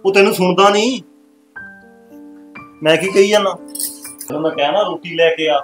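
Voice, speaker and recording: A man with a Punjabi accent playing an irritated husband who gives gruff commands. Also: high-pitched, moderate pace, reverberant, faint music behind, natural voice, low-quality recording. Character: irritated young husband defending his widowed sister-in-law.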